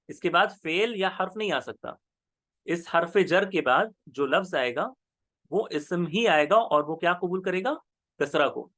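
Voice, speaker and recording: In an online class on grammar, the teacher, a man, uses a high, expressive voice with free-ranging intonation. He patiently and slowly repeats each term so learners can follow, and the audio is close and dry, with no room sound.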